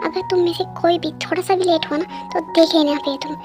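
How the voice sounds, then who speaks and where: A woman's voice: extremely high pitch, fairly even intonation, fast talker, over music. A woman voicing a commanding, proud middle-aged mother in a fan dub. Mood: bossy. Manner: commanding, scolding.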